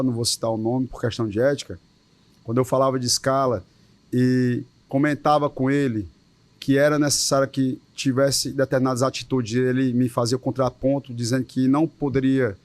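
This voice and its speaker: A man from Ceará, Brazil, speaking with a Cearense Portuguese accent, answers interview questions as president of a police officers' association. His medium-pitched, slightly mellow voice is earnest and emphatic, and he sometimes repeats words. There's no room sound.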